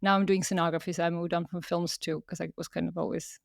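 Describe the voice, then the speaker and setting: A woman's voice: lowish voice, flat delivery, quick pace, vocal fry, no room sound, clean studio sound. A woman from Estonia, a podcast guest telling stories in casual talk and laughing often.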